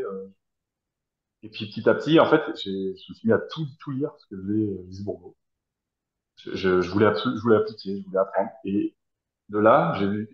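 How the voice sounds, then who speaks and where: Thirties French guy on a roomy, dull-sounding video call, lower voice, thinks aloud and hesitates. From France. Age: 30s. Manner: reflective, hesitant, searching for words. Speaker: guest, helping professional. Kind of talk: personal interview answers. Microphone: video call from abroad.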